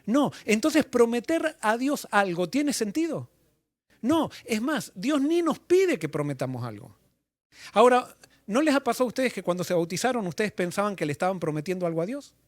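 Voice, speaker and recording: A man's voice: sits high, very animated, moderate pace, dry recording. A male pastor leading an interactive Bible study, asking the class questions and repeating their answers.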